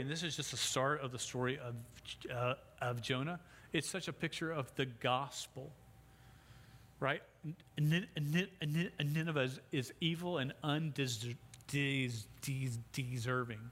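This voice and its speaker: In a church sanctuary, a middle-aged pastor preaches over a sound system microphone, stuttering with repeated sounds and restarted words. His mid-range voice has a fairly bright tone, heard through long hall reverb and faint background noise.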